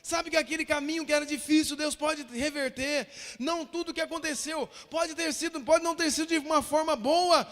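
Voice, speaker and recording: High-voiced Brazilian preacher in an echoing church. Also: male voice, fairly even intonation, fairly quick, few pauses. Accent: Brazilian Portuguese. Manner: fervent, repetitive preaching that swells to shouts. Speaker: pastor. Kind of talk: sermon. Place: church hall. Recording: long echo of a church hall.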